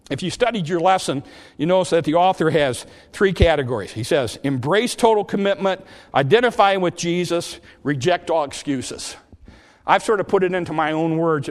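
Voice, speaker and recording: Male Sunday school teacher with a somewhat high voice, retelling stories with stumbling restarts. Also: big-room sound. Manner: storytelling, repeats words when starting sentences. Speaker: Bible class teacher.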